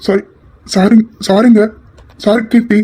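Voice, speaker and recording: A woman lowers her voice to play an anxious young man in a homemade audio drama. He keeps pleading and apologizing, his tone deeper than a woman's usual speech. The delivery stays plain and even. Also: measured pace, husky. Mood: apologetic.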